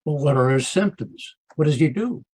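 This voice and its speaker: Guy doing crusty old west doc, american, raspy, wry and scolding, radio drama. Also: fairly high pitch, expressive, normal speed, darkish tone. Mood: wry, probing. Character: crusty, outspoken, needling frontier town doctor. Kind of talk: western radio drama acting.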